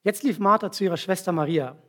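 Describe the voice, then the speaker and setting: A man's voice sits high, sounding pushed and bright. Preaching a sermon, he retells a Bible story that volunteers act out, explaining slowly and checking in with listeners through frequent tag questions.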